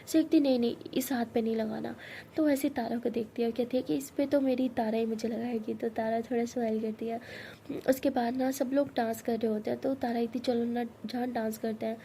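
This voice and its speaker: A woman's voice: fairly even intonation, a little fast, creaky, warm tone, slight background noise. A woman telling a love story in a casual spoken way, acting out the characters' lines herself. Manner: acts out both girls' lines with rising pitch and force.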